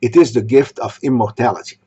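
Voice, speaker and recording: A man from Egypt delivering a sermon, posing rhetorical questions in a measured way. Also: medium pitch, fairly even intonation, warm tone, breathy edge. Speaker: synagogue speaker. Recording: dull lo-fi recording.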